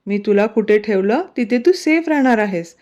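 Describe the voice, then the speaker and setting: A woman voicing a protective, playful young husband in a storybook romance, reassuring and teasing in a mellow voice. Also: mid-range voice, animated, normal speed, close to an everyday voice. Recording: dull, lo-fi recording.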